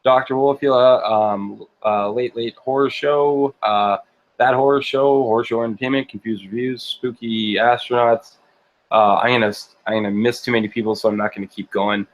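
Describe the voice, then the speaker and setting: A man hosts a live interview and stumbles through his wrap-up with many ums and uhs. His voice sits at a mid pitch. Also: steady tone, moderate pace, muffled recording. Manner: hesitant, filler-heavy. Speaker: host. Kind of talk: livestream interview.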